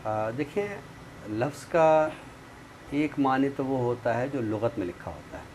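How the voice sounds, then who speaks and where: A literary expert guest explains things in a didactic but conversational manner, frequently using tag phrases to make sure the listener is following. He has a mid-range, animated voice with a darkish tone and a measured pace. The room recording is clearly noisy.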